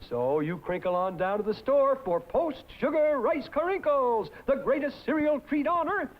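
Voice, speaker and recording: A man playing an excitable, hungry circus clown mascot with showy sing-song delivery in a 1950s television commercial. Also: very high voice, measured pace. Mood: cheerful selling. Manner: exaggerated, sing-song salesman showmanship. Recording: muffled, lo-fi 1950s television audio.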